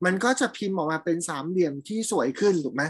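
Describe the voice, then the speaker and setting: A woman's voice: lowish voice, lively intonation, fast, a little hiss or hum. A woman teacher giving a live programming lesson, chatting and thinking aloud as she demonstrates code and checks that her student is keeping up. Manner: speaks to a student by name, checks understanding.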